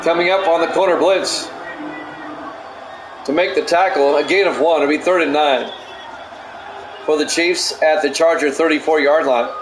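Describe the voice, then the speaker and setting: Middle-aged male announcer with a somewhat high voice, calling plays in an even, matter-of-fact way; echoey, noisy home recording. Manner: measured, matter-of-fact play calling with casual asides. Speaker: play-by-play announcer and stream host. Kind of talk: simulated football play-by-play commentary. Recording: echoey room with steady background noise.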